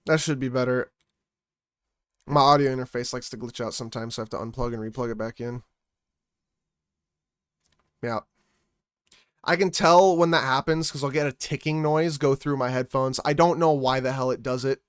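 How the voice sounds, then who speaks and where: A man's voice: medium pitch, normal speed, pauses often, smooth, no echo. A man chatting casually on his stream at home into a music microphone, rambling and trailing off mid-thought. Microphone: studio music microphone.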